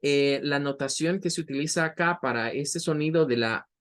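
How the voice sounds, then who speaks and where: A man's voice: on the high side, moderate pace, clear, resonant tone. A male teacher giving an online class, patiently explaining English vowel sounds and repeating example words to model them.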